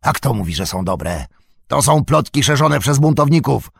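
A man's voice: mid-range voice, sing-song, moderate pace, gravelly, husky, no echo, clean studio sound, heavily acted. A man voicing a sly, cowardly male orc tracker in an audiobook reading, sneering and muttering.

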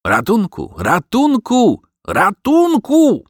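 A man voicing a frightened male farm dog who yelps frantic cries for help in a much higher voice. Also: huge pitch swings, normal speed, fairly bright tone, dry recording, clean studio sound, heavily acted. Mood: panicked.

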